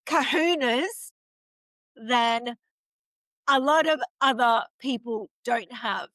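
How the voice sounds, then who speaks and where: A woman hosts a talk show, speaking slowly with a fairly high voice, effusive and moved as she reads quotes aloud. She lingers with dramatic pauses. The sound is dry and close, as on a video call. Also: a bit bright, dry recording, low-quality recording. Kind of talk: warm interview reading quotes.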